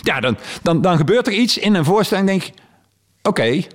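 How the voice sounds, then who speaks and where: A man in casual conversation, telling animated stories from his work as a stage performer and acting out what people said. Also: high-pitched, a little fast. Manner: animated storytelling with quoted voices.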